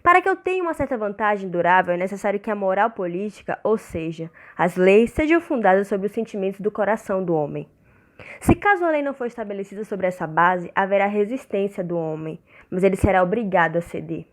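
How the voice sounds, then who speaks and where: A woman's voice: mid-range voice, animated, fast talker, lightly acted. A woman playing the Law as a solemn, stern authority in a declamatory, formal radio drama monologue.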